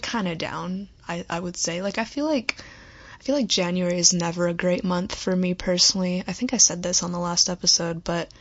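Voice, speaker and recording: Chatting alone on her late-night podcast, this young host rambles casually, filling her speech with "like" and "um." She has a lowish, slightly bright voice, and the recording's high frequencies are cut off.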